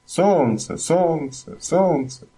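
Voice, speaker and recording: A man's voice: a little high, very slow, warm tone, slightly rough, recorded from a distance, voice pushed up, exaggerated voice. A man reading a storybook voices an echo under the ice that throws the last words back again and again, fading off. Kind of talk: audiobook reading.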